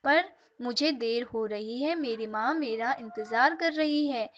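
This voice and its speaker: A woman's voice: a little high, measured pace, lightly acted. A woman voicing an innocent young female bird who pleads earnestly, heard on a dull lo-fi recording. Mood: anxious.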